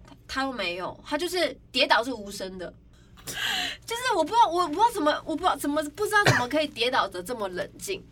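A young woman hosting a podcast, telling stories in a casual, animated way and acting out other people's cries. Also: high voice, fast. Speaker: podcast host. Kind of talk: casual storytelling chat. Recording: slightly distant mic, faint background noise.

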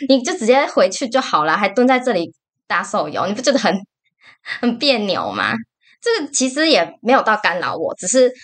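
A young woman with a Taiwanese Mandarin accent, co-hosting a casual podcast. She rants in an animated, exasperated way, full of fillers. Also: medium pitch. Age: young adult. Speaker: podcast co-host.

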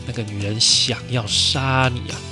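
A man's voice: medium pitch, steady tone, moderate pace, music in the background, natural voice. A man voicing a sly, scheming male bandit sidekick in a storytelling podcast. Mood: insinuating.

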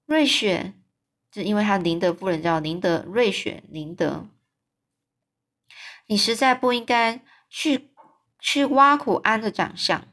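A woman voicing a stern older woman guardian who speaks slowly and firmly in a retold storybook. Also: mid-range voice, expressive, a bit bright. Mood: reproving. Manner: slow, firm, measured.

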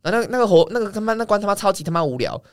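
A young man tells an animated, profanity-laced anecdote at a breakneck pace. His voice sits a little high for a man and leaps up and down as he talks. The sound is close and dry. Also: dry recording. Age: young adult. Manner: rapid, swearing, animated anecdote telling. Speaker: guest. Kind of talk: casual storytelling chat.

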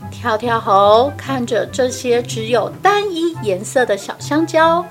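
A woman narrating a children's story in a gentle, clear way. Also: a little high, expressive, a little slow. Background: music.

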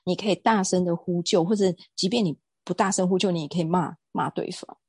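A woman, a guest on an interview show, telling stories in an outspoken, animated way. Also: on the low side, a little fast, husky, no room sound. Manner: outspoken, self-described fiery temper; animated storytelling. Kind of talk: casual interview talk.

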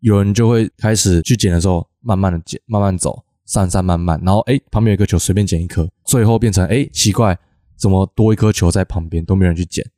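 一个带台湾口音的年轻男子，以轻松闲聊的方式，快速生动地讲述自己当排球教练的经历。. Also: male voice, low-pitched, no echo, clean studio sound. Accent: Taiwanese Mandarin. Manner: fast storytelling, animated quoted scolding. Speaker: podcast co-host, youth volleyball coach. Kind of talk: casual chat.

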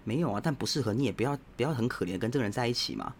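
A man's voice: medium pitch, expressive, rapid-fire, a little hiss or hum. A man with a Taiwanese Mandarin accent, hosting a podcast as a casual opinion monologue, blunt and provocative as he lectures his listeners directly. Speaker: podcast host.

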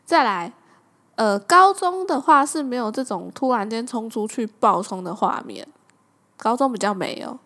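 A woman's voice: on the high side, animated, moderate pace, a bit bright. A young woman with a Taiwanese Mandarin accent, hosting a podcast and telling stories casually, with lots of fillers and frequent laughter. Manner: chatty, laughs often, many fillers. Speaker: podcast host. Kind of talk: casual storytelling monologue.

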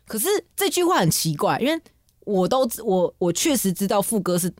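A woman hosting a chatty podcast, talking fast and bluntly. Her voice is close to the mic and dry, with no room sound. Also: mid-range voice, big pitch swings, a little mellow, dry recording. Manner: chatty, frank, swears casually. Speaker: podcast host. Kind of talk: casual chat. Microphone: studio mic.

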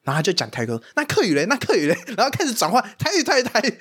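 A young man with a Taiwanese Mandarin accent, telling dream stories in a casual podcast chat, animated and often laughing. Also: sits high, racing, breathy edge. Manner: animated storyteller, laughs a lot. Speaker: podcast host.

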